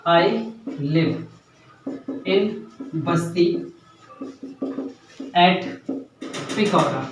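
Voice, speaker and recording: Here a young man's high, fairly bright voice leads a classroom-style grammar lesson. He restates important points and frequently checks students' understanding, and the recording comes from a mic set back in an echoey room.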